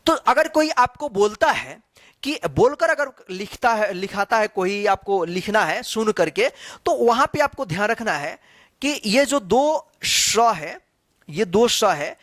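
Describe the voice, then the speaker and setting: A man's voice: high voice, animated, slow pace, a bit bright, no room sound. A man teaching the Hindi alphabet, asking question after question and repeating each sound to demonstrate it. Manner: repetitive, quizzing. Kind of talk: slow classroom explanation.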